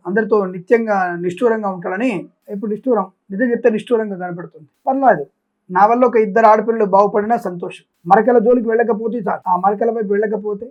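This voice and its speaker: A man giving weekly horoscope predictions as an astrologer. He rattles off long lists of blessings and breaks into preachy, sarcastic asides. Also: high voice. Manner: preachy, moralizing.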